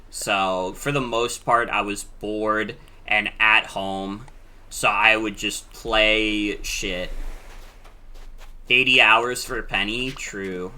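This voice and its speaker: A man in his twenties, a streamer chatting casually while he plays, excitable and quick to swear. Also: medium pitch. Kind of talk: casual game-stream chat.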